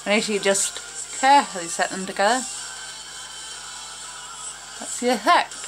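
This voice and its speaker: A woman's voice: mid-range voice, music in the background. Woman with a slight lisp, rambling tutorial. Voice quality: slight lisp from wearing false teeth. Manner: rambling, unhurried, many fillers. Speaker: cosplay tutorial maker. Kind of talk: casual how-to talk.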